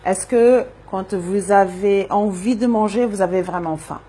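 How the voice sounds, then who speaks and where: A woman's voice: medium pitch, a little slow, mellow, slightly rough. A woman from Brazil, a native Portuguese speaker, interviewed on radio as a Zumba and wellness coach, talking thoughtfully and repeating words as she searches for them.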